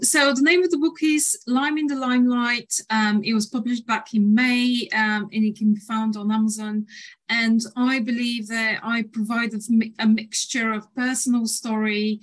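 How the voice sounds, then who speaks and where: A Bulgarian nutritional therapist in her thirties answers interview questions in a measured way. Her voice is fairly high, and she uses fillers often.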